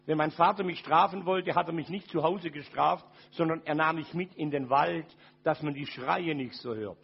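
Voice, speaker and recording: An older man giving a personal testimony to an audience, dramatic, dropping from loud to very quiet. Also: fairly high pitch, moderate pace, creaky, breathy edge, dull audio.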